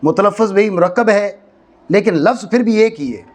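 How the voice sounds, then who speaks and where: A man from Pakistan gives a classroom lecture in a fairly high voice. He often stops to ask whether his students are following. He slowly repeats key phrases to drive a point home. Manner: checks understanding, repeats phrases slowly for stress. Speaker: teacher of Arabic grammar. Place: madrasa classroom.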